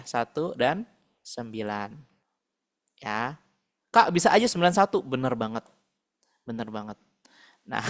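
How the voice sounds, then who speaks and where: A man's voice: mid-range voice, fairly bright tone. A man tutoring a math class over a video call, patiently working through problems aloud. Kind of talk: online math lesson.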